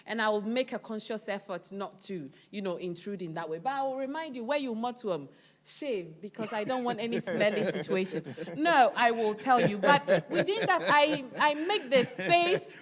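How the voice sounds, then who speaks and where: A woman hosting a casual chat, talking in an animated way and often switching between languages. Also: fairly high pitch, moderate pace. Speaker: host.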